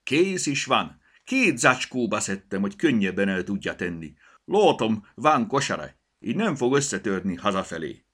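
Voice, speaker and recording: A man voicing a hearty old peasant market woman with a Palóc accent in a storybook, loud and folksy. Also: lowish voice, very animated, voice pushed up. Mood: bustling.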